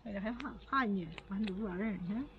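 A woman's voice: mid-range voice, rapid-fire, a bit bright, dull audio. A woman with a Northeastern Chinese accent chatting casually outdoors in an earthy, blunt way. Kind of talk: casual chat. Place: outdoors at a house doorway. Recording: noticeable outdoor background noise.

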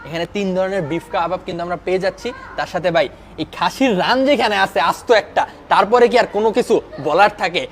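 A young man hosting a food review vlog in a restaurant, talking excitedly and emphatically, often asking "okay?". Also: high voice, quick pace, a little hiss or hum. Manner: excited, emphatic, keeps asking "ঠিক আছে?". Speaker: food vlogger. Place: restaurant dining room.

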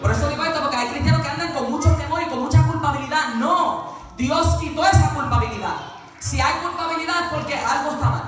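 A man's voice: extremely high pitch, fast talker, a bit bright. A man preaching a sermon at a youth vigil in a church, fervent, breaking off with repeated praise refrains between points. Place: church sanctuary. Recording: very echoey church from far off, congregation audible.

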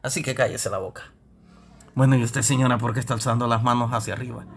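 A man's voice: mid-range voice, fairly even intonation, fast, breathy edge, voice pushed down. A man playing a show host who teases and scolds his guests. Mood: mocking. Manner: teasing, mock-stern emcee. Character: gruff mocking male show host.

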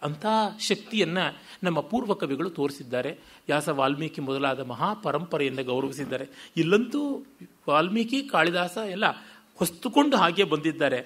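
Animated middle-aged man lecturing with sweeping pitch. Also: normal speed, slightly rough. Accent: Kannada. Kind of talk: scholarly literary lecture. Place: lecture hall.

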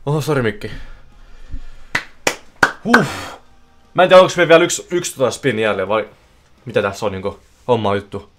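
Excitable man commentating casino games. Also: mid-range voice, pauses often, a little hiss or hum. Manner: excitable, bursts into yelling at wins. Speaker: casino streamer. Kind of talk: live casino stream commentary. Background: faint music playing.

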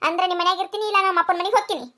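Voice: very high voice, steady tone, racing, pushed and bright. A performer voicing a sulky, defiant young village daughter-in-law in a cartoon, with a North Karnataka Kannada accent. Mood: whiny. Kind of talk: cartoon comedy voice acting.

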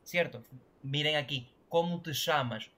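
Guy teaching a grammar lesson online, fairly high voice, keeps asking if you get it. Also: unhurried, fairly bright tone, a little hiss or hum. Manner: explanatory, checks understanding often. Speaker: Portuguese teacher.

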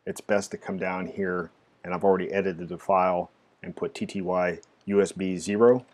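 A man narrating a casual screen-recorded software tutorial, explaining each step with frequent "uh" fillers. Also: low-pitched. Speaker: tech tutorial presenter.

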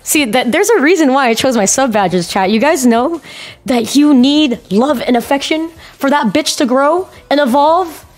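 A young woman hosting a casual livestream, chatting to viewers in a playful, excitable gamer-girl way with plenty of swearing and slang. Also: high voice, moderate pace. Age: young adult. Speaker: live streamer, host. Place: small bedroom streaming setup. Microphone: close boom-arm microphone, headset on.

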